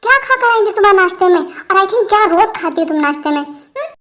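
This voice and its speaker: A woman's voice: very high voice, lively intonation, fairly quick, fairly bright tone, pitched above the performer's own voice. A woman voicing a dreamy, teasing young male college student.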